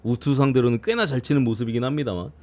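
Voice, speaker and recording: A man giving a casual streamed preview of baseball games, blunt and quick to swear and grumble. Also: mid-range voice, a little mellow. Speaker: baseball betting analyst streamer.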